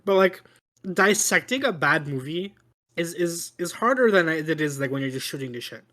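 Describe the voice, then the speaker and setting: A man's voice: fairly high pitch, expressive, moderate pace, pushed and bright. A tipsy man co-hosting a casual movie podcast, rambling and repeating himself with the odd swear word. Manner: tipsy, from drinking on the show. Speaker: podcast host. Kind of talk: casual movie review banter.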